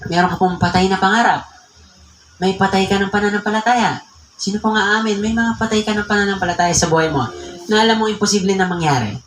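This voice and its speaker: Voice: medium pitch, steady tone, fairly bright tone, slight background noise. Emphatic preacher in an echoey church. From Philippines. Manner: emphatic, slows down to read scripture verses aloud. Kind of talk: sermon.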